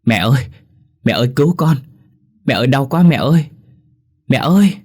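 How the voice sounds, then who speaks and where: A man's voice: low-pitched, moderate pace, a little mellow, breathy edge. A man voicing a possessed young woman in a ghost story, with a mocking, taunting demon inside her that also shrieks for her mother. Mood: shrieking pleas.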